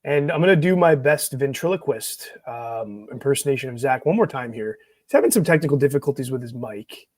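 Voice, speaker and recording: A man's voice: medium pitch, expressive, brisk, no echo. A man co-hosting a casual sports podcast, talking in bursts and repeating words as he thinks. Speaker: podcast co-host.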